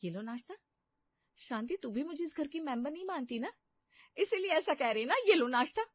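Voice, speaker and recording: A woman voicing a self-pitying young bride in a cartoon story, whining and accusing everyone around her in theatrical bursts. The voice sits fairly high, with a dry, slightly dull sound and no room around it. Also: expressive, normal speed, no echo. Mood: sulky. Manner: whiny, accusing, theatrical wailing. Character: melodramatic young female daughter-in-law, self-pitying. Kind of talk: animated story voice acting.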